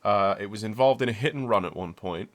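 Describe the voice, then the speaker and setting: Low-voiced guy, rambling chat. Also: brisk. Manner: loose, swearing, rambling anecdote. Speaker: podcast co-host. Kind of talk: casual chat.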